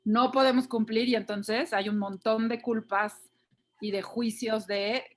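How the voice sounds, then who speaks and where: A woman's voice: on the high side, steady tone, a little slow. A Mexican woman, a mother, sharing candidly and colloquially in an online group session over a video call. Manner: candid, colloquial, occasionally swearing. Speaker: workshop participant.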